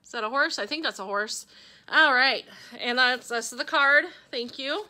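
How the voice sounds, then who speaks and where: Middle-aged woman vlogger from Wisconsin, high and bright voice, gushing casual chat. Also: normal speed. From Wisconsin, USA. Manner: gushing, chatty, talks to her pet. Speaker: vlogger opening fan mail.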